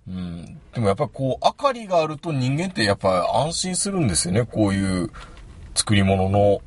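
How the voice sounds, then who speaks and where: A man's voice: on the low side, big pitch swings, brisk. A man hosting a casual chat show with dry, self-mocking humor. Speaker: host.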